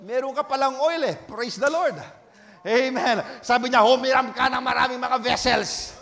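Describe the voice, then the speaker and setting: A male pastor preaching a sermon in Tagalog and English, swinging between shouted exhortation and hushed storytelling, with frequent amens. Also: extremely high pitch, moderate pace, gravelly, in a large hall, some chatter behind. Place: church.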